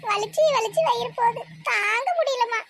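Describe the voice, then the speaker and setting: A woman's voice: very high-pitched, normal speed, pitched above the performer's own voice, heavily acted. A woman voicing a sulky, dramatic grown daughter, whining and complaining in a cartoon. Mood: whiny. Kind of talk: cartoon voice acting. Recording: loud background noise.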